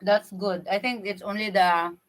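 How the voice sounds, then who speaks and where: A woman from the Philippines with a Filipino accent hosts a casual livestream, chatting with viewers while she eats and laughing often. Her mid-range voice keeps a fairly even intonation at a moderate pace, picked up by a computer webcam mic.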